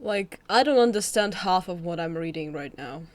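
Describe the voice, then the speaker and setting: A woman's voice: lowish voice, lively intonation, moderate pace. A woman live-streaming a video game, chatting offhandedly and talking while chewing.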